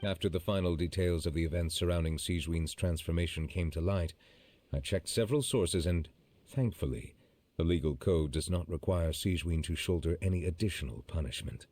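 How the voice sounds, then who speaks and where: Deep-voiced, solemn judge. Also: male voice, a little mellow. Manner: formal, measured, restrained. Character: solemn, formal male judge, measured and regretful. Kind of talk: video game story narration.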